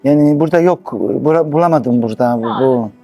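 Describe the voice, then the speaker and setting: A middle-aged man from Istanbul, speaking halting, slightly broken in a casual street interview. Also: medium pitch, dark tone, soft background music. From Istanbul, Turkey. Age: middle-aged to 60s.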